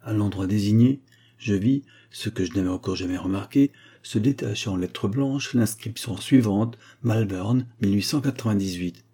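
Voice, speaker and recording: Man with a dark, husky voice. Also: lowish voice, moderate pace. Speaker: audiobook narrator. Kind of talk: scripted narration.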